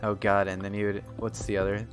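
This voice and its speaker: A man's voice: fairly low pitch, flat delivery, brisk, faint music behind. A young man streaming a game, chatting casually in a rambling way full of fillers and restarts. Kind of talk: casual chat while gaming.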